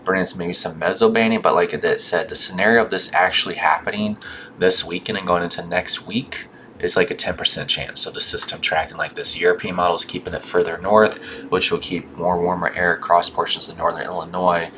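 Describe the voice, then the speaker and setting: A man's voice: sits low, little pitch movement, fairly quick, pushed and bright, slight background noise. A man giving an informal weather forecast commentary, tripping over words, his speech hampered by a swollen mouth and gums. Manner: stumbles on longer words and restarts them.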